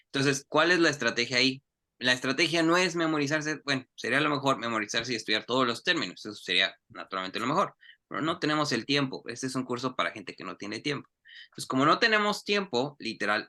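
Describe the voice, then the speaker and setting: Bright-voiced man teaching English pronunciation. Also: mid-range voice. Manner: animated, coaxing, repeats English phrases slowly. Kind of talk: online class, explaining in Spanish.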